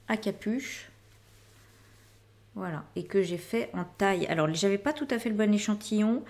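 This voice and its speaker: Her medium-pitched voice has a slightly mellow quality. This middle-aged podcaster walks listeners through her completed knitting and sewing pieces in relaxed show-and-tell style, and her long, chatty explanations keep landing on "voilà."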